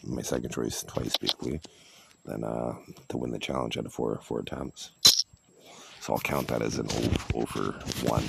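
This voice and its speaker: This man, who streams himself playing online poker, offers loose, rambling remarks at a moderate pace, restarting and repeating lines often. His very deep, gravelly voice holds fairly even intonation, and loud background noise and clicks come through.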